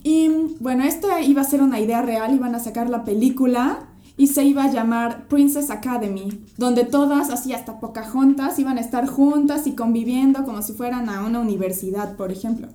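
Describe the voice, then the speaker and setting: A woman's voice: fairly high pitch, brisk, mellow. A young woman hosting a casual podcast, explaining topics and putting questions to the group. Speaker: podcast host. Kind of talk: casual chat. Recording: echoey room.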